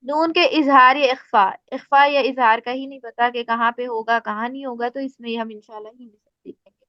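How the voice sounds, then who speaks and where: A woman with a Pakistani Urdu accent, teaching Quran tajweed in a casual spoken lesson, explaining patiently and reciting examples slowly. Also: a little high, fairly even intonation, dry recording. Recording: dry, slightly muffled recording.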